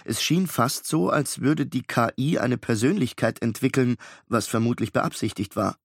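A man narrating a children's audiobook in a calm, even storytelling manner. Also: medium pitch, normal speed, breathy edge, no room sound, studio quality.

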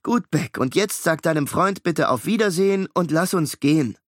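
A man's voice: fairly high pitch, lively intonation, moderate pace, no room sound, clean studio sound, voice pushed up. A man voicing a clever, fussy boy twin who talks in a precise, lecturing way. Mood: pleading.

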